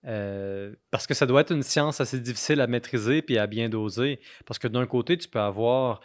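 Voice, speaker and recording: A man hosting a podcast, asking measured, thoughtful interview questions. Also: medium pitch, no echo, clean studio sound. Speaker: podcast host.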